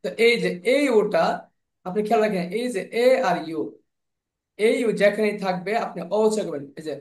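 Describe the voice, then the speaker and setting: A man teaching English pronunciation in an online class, slowly repeating sounds and words over and over. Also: sits high. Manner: slow, repeats sounds and words many times. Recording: echoey room.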